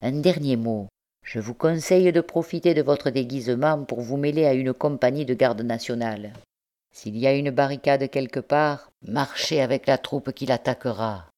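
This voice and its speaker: A woman's voice: a bass voice, normal speed, mellow. A woman reading the part of a scheming male spy in an audiobook, assured and sneering.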